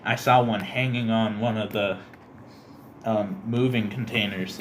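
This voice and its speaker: Young man telling a lively story. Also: a little slow, over music. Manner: animated storytelling, acts out quotes in a squeaky high voice. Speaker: podcast co-host. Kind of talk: casual chat.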